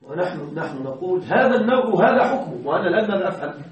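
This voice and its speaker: A man's voice: high voice, sing-song, racing. A man teaching grammar to a class, explaining through worked examples and checking with rhetorical questions. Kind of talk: classroom lecture. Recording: very echoey room, voice far from the mic.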